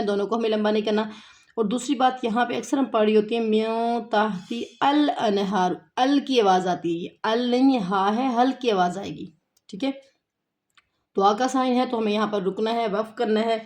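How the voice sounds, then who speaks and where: A woman teaching a tajweed lesson, explaining rules and slowly repeating words to show how they are pronounced. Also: on the high side, a little mellow. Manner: patient, repeats words slowly to demonstrate pronunciation. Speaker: Quran recitation teacher.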